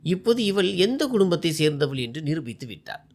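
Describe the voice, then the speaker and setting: A man's voice: a little high, big pitch swings, brisk. A man voicing a harsh, scheming older mother-in-law who accuses and orders people about in a told story. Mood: accusing. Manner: accusing, domineering.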